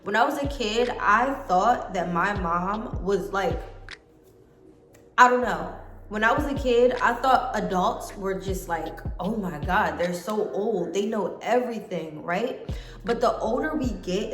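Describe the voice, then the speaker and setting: A woman's voice: medium pitch, echoey room. Earnest young woman giving advice. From United States. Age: 20s. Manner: earnest, conversational, addresses viewers as guys. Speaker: vlogger. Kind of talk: casual advice chat to camera.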